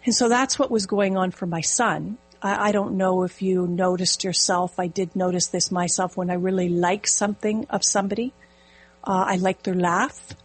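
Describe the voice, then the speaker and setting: A middle-aged woman telling a personal story in casual conversation, animated and vivid. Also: medium pitch, normal speed, husky, rough recording. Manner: animated, storytelling with quoted inner speech. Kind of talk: casual chat.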